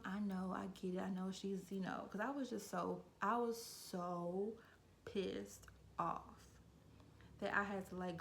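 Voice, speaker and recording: A woman's voice: mid-range voice, a little hiss or hum. A young adult woman vlogger telling a casual storytime, chatty and filler-heavy, with a frequent "like".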